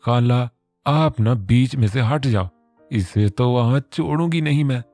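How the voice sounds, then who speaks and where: A man voicing a quick-tempered young woman who scolds and sulks in a storybook reading. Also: mid-range voice, warm tone, dry recording, soft background music, lightly acted. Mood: fiery. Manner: scolding, sulky.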